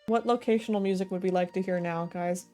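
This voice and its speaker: A woman's voice: medium pitch, fairly even intonation, quick pace, warm tone. Giggly young woman streamer chatting. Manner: chatty, giggly, addresses chat directly. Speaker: game streamer. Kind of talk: casual livestream chat. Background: faint game music.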